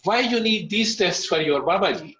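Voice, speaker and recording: A middle-aged man with a Pakistani accent telling a personal story as an interview guest, in halting phrases with repetitions. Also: sits high, expressive, bright, forceful tone, highs cut off.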